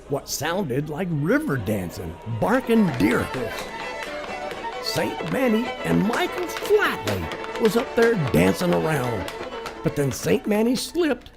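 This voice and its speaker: A man narrates a crude, cheeky rhyming parody in a heavily gravelly voice. He takes his time, and his delivery rises and falls widely, with music playing underneath. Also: a little high. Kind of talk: comic rhyming verse recitation.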